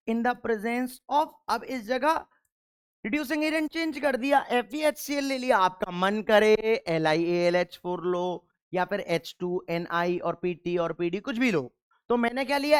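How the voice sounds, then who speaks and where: Smooth-voiced male teacher, drilling by question. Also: sits high, a little slow, dry recording, studio quality. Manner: quizzes with rhetorical questions and answers them himself; patient, repeats key answers for drilling. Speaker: chemistry teacher. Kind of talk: classroom lecture.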